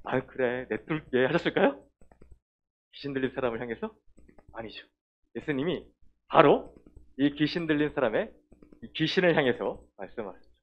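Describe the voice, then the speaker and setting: A man preaching a children's sermon, telling the story with animated questions to the kids. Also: on the high side, normal speed, long pauses, highs cut off. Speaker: children's pastor.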